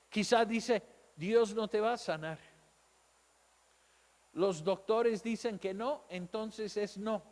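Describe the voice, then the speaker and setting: A man's voice: high voice, a little mellow, long reverb tail. A man preaching a sermon as a pastor, telling his own story, asking rhetorical questions and acting out the voices of doubters.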